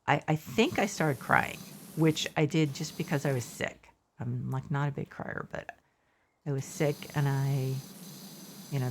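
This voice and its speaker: A woman's voice: sits low, darkish tone, a little hiss or hum. A middle-aged woman streaming a game, telling a meandering, self-correcting story with asides about what she is playing. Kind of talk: casual storytelling while gaming.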